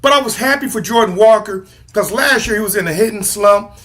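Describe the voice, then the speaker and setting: Male co-host, high and bright, playful trash-talker for a casual sports show. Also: a little fast. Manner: animated, teasing, trash-talking rival teams. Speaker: podcast co-host.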